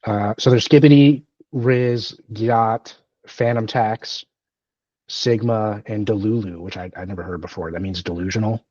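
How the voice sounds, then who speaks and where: Rambling and self-deprecating, a man in his early thirties chats casually as a podcast co-host, with plenty of fillers and restarts. His lowish, darkish voice moves a little slowly with fairly even intonation. The recording is dry and dull.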